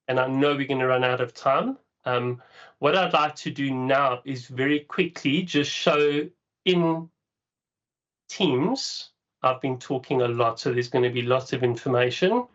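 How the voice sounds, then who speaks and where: A South African man gives a webinar presentation with screen share over a call, explaining things casually with frequent ums. His mid-range voice is a bit bright, coming through a video call mic as dull lo-fi audio.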